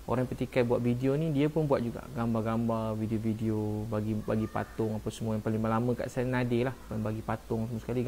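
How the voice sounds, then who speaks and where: Malaysian guy preaching casually on a phone live, earnest, a bit defensive, faint room hum behind. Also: mid-range voice. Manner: soft-spoken, earnest and defensive, repeats "ha" and "Masya Allah". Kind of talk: casual live-stream talk answering viewers.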